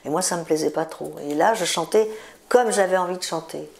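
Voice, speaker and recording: A woman's voice: lowish voice, brisk, vocal fry, darkish tone, a little hiss or hum. A woman in her seventies, a singer, telling stories in a chatty interview, repeating words for emphasis. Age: 70s. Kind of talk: relaxed interview storytelling.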